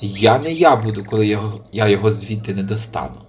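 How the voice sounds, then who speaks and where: Give me a furious storybook bear, hungry and bullying, shouting every word in a raised, forceful voice, as a man reads him out. He roars like a lord who expects to be obeyed at once. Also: fairly low pitch, fast, a little hiss or hum, close to an everyday voice. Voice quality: roaring, shouting.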